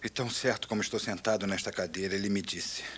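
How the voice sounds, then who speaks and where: A man who is a war veteran giving a dubbed spoken testimony, telling his story earnestly, dropping to a hush and then crying out loud. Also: fairly low pitch, steady tone, fast, husky. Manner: earnest storytelling, swings from hushed to loud outcries.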